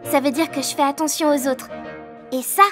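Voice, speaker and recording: A woman playing a bouncy, excitable little girl with a very high, piping voice, rattling on fast and loud. It is a children's audio story, with soft music in the background. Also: lightly acted. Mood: excited chatty.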